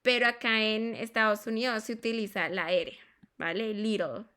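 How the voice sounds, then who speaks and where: A woman's voice: on the high side, sharp tone, clean tone. A woman teaching English pronunciation, repeating words and checking in with her students. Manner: slow and deliberate, spelling sounds out. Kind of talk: classroom phonetics explanation.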